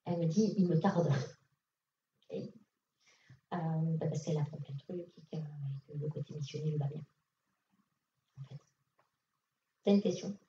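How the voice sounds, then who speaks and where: A woman's voice: low-pitched, fairly even intonation, normal speed, long pauses, dark tone, a little hiss or hum. A woman medium giving casual, direct readings to an audience at a conference, speaking with many fillers. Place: conference hall. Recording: echoey hall, distant lo-fi mic.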